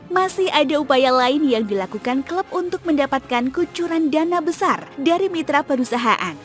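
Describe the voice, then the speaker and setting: A woman with a high voice reads a scripted football explainer in a steady, informative way. Faint music sits underneath her narration. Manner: steady, informative read-aloud delivery.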